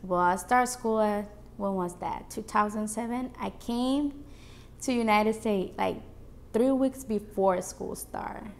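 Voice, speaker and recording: Young woman, late teens, gravelly low-ending voice, hesitant interview answers. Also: takes it slowly. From El Salvador. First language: Spanish. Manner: earnest, hesitant with fillers. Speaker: student activist. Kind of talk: interview testimony.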